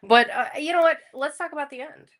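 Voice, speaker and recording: A woman co-hosting a podcast in casual chat, teasing her partner with quick retorts and frequent laughs. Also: high voice, fairly bright tone. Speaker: podcast co-host.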